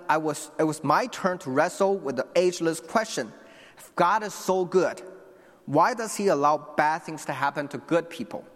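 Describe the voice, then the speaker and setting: The preacher is a young man from China whose fairly high, somewhat bright voice fills a large room. Earnest throughout, he speaks straight to his congregation, restarting lines and slipping in asides.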